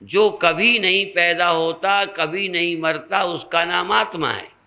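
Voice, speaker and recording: An older man, a swami, giving a slow spiritual sermon, teaching through rhetorical questions and everyday examples in a gravelly voice. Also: sits high, bright, forceful tone.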